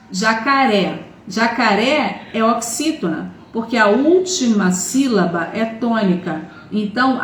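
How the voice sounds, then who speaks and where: A woman Portuguese teacher giving an online grammar lesson, explaining patiently and checking in often with short questions. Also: mid-range voice. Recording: echoey room with faint noise.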